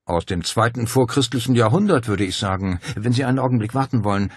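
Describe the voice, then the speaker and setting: Courteous, anxious older clergyman in an audiobook, voiced by a man, raised and a bit husky, polite and solicitous. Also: medium pitch, lively intonation, fast, no room sound, studio quality, voice pushed up. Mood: concerned. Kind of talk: audiobook character voice.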